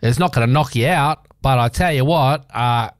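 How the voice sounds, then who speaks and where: A South Australian man hosts a community radio show, rambling along with lots of fillers and restarts in a loose, chatty way. His mid-range voice is smooth at a moderate pace, captured in a dry, studio-quality recording.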